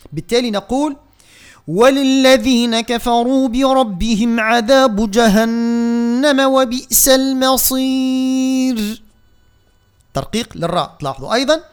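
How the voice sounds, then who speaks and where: A man with a Tunisian Arabic accent teaching Quran recitation on the radio. He explains the rules, then stretches the verses out slowly and repeats single sounds. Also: sits high. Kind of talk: tajweed lesson with slow recited verses. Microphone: radio studio mic.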